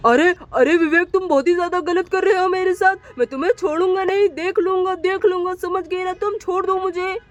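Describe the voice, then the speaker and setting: A woman's voice: steady tone, a little fast, hardly any pauses, highs cut off. A woman voicing an abusive, hot-tempered village husband in a doll story, threatening and blustering. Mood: menacing. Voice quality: high-pitched woman's voice.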